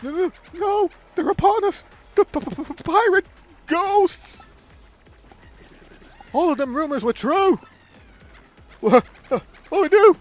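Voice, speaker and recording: A man voicing a cowardly, excitable game sailor who stutters frantically. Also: extremely high pitch, measured pace, long pauses, soft background music. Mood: terrified.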